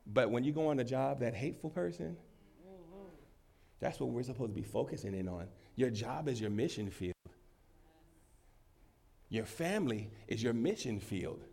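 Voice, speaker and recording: A pastor with a cold preaches a lively sermon to a congregation in a church, a man's voice of middle pitch that rises loud for emphasis and then drops to quiet asides. He laughs easily between points. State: has a cold.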